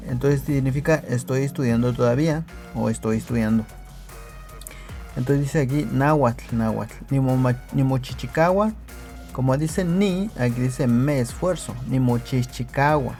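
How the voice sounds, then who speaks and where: A man teaching a video language lesson, patiently repeating phrases slowly for learners. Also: mid-range voice, a little mellow, soft background music. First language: Nahuatl.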